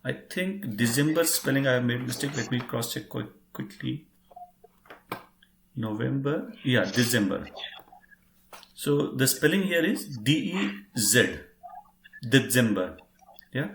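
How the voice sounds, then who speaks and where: A man's voice: mid-range voice, lively intonation, a little slow, gravelly, pauses often, fairly bright tone, a little hiss or hum. Male teacher running an online class, patient, repeats and spells; roomy echo. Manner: patient, repeats and spells words out, addresses "friends". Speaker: German language teacher.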